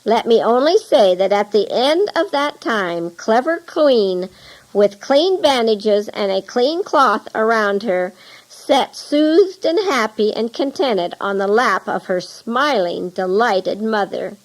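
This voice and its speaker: Cast: woman narrator, unhurried and calm, slightly high voice, storybook reading. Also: poor audio. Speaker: audiobook reader. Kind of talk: scripted narration of a true mission story.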